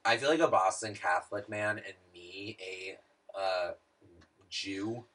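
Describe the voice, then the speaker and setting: A man's voice: low voice, fairly even intonation, sharp tone. A young man co-hosting a podcast, chatting casually and joking with plenty of profanity. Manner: profane, joking, quick banter. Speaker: podcast co-host. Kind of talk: casual chat.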